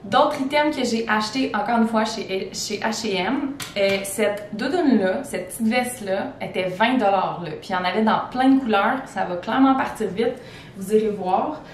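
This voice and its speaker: A young woman with a Québécois French accent, a teacher chatting casually through a clothing haul at home, full of fillers and restarts. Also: normal speed. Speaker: teacher vlogger. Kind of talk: casual fashion haul chat. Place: indoors at home. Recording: echoey room, far from the mic, faint rumble.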